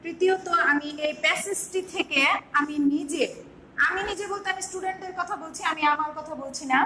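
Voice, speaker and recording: A Bangladeshi woman teaching an online class, explaining step by step and slowly spelling words out. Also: very high-pitched, pushed and bright, slight background noise, poor audio.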